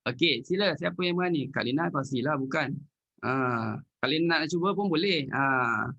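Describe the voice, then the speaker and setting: A man with a Malaysian Malay accent teaching Quran recitation in an online class, recites verses slowly and explains casually. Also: fairly high pitch, sharp tone, dull audio. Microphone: video call.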